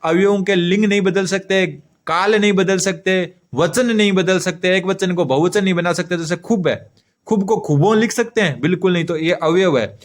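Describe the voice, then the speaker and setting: A man's voice: high voice, normal speed. A man teaching an exam-prep grammar lesson, asking questions and answering them himself, repeating key terms while he writes on a board.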